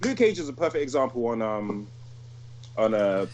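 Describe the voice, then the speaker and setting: A man's voice: mid-range voice, moderate pace, a crowd in the background. A man co-hosting a casual podcast, talking in an emphatic, slangy way. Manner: animated, emphatic, full of slang. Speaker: podcast co-host. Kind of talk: casual chat.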